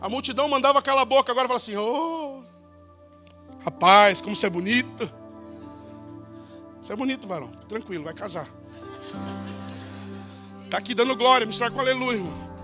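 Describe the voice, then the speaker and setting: A Brazilian man preaching a sermon as pastor, dramatic, acting out crowd voices and shouting out names. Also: very high-pitched, fast, pauses often, faint music behind. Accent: Brazilian Portuguese.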